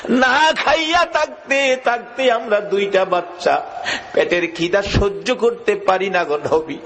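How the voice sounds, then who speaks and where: A preacher wailing as starving weeping children. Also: male voice, high-pitched, a little slow, fairly bright tone. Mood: tearful pleading. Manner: wailing, sung pleading. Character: two starving little children, weeping and pleading.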